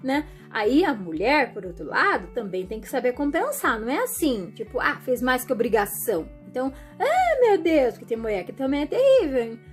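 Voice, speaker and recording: A woman talking to her viewers in a chatty, animated way, often acting out what other people say. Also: on the high side, brisk, few pauses, faint music behind. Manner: chatty, animated, acts out quoted voices. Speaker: vlogger. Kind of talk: casual monologue to camera.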